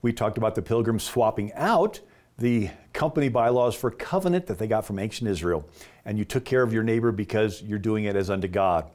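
A man's voice: on the low side, expressive, a little fast, a little mellow. Earnest male narrator. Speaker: host narrator.

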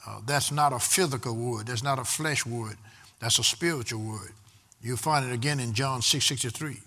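A man's voice: medium pitch, normal speed, sharp tone. A man preaching a sermon, in rhythmic repeated refrains that build in intensity. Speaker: pastor.

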